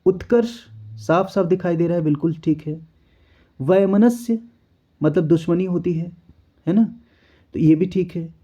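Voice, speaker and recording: A man's voice: sits high, a little slow, pauses often, mellow. A man teaching an exam-prep spelling lesson, explaining step by step and often checking in with the learner. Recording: dull lo-fi recording.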